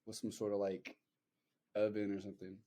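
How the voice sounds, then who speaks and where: A man's voice: fairly low pitch, monotone, fairly quick, mellow. A young man hosting a podcast, chatting loosely and rambling with lots of fillers and swearing. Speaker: podcast host. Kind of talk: casual chat.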